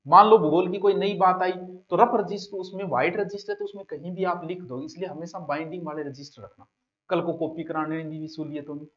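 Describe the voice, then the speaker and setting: Man, exam-prep classroom lecture, direct, chiding teacher, fairly high voice, dull lo-fi sound. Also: steady tone, brisk, a bit bright. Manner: direct, scolding, conversational teacher addressing students. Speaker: coaching teacher.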